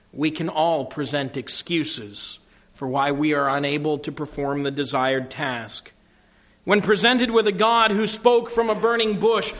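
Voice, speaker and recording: A man's voice: a little high, a bit bright. Earnest man preaching. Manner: earnest and emphatic. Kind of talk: sermon with a story reading.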